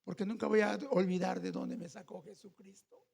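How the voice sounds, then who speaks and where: Pastor guy preaching, real high voice, gravelly, gets loud and fervent. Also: flat delivery, a little fast. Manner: fervent, rising to shouts; intimate, addresses listeners as brother. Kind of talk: sermon.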